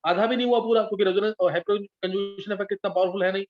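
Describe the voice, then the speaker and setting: A man's voice: high-pitched, steady tone, rapid-fire, faint music behind. A man teaching chemistry in a live class, patiently explaining step by step and often checking whether his students follow. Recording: dull lo-fi sound.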